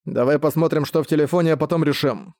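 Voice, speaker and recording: Brief: man doing a tired, even-tempered knight commander, measured and dry, for an audiobook. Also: a little high, no room sound, lightly acted. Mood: calm. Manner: calm, measured, sighing. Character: weary, calm male knight leader. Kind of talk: audiobook reading.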